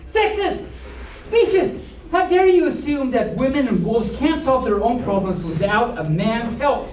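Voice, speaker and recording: A storyteller puts on an earnest storybook girl who lectures and scolds in grand phrases. The pitch jumps around freely. It is heard from a little distance in a roomy, echoing space. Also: expressive, measured pace, darkish tone, lightly acted. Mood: indignant. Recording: echoey room, recorded from far off.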